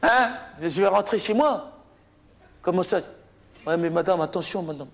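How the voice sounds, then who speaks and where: During a live comedy show, a man acts out a brash, stammering young candidate who argues through an oral English exam, as the audience laughs loudly. His voice is high-pitched and creaky, and his speed is normal.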